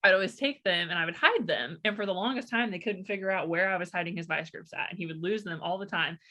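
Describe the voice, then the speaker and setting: A young woman in her twenties co-hosting a casual podcast, chatty and quick to laugh. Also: lowish voice, bright, forceful tone. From rural United States farming community. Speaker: podcast co-host.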